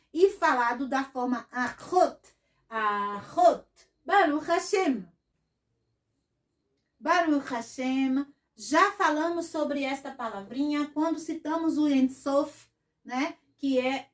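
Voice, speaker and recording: A woman teaching a lesson at a whiteboard, patiently repeating each word slowly and often adding a short blessing. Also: high-pitched. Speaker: Hebrew teacher. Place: room with a whiteboard. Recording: echoey room, voice from a distance.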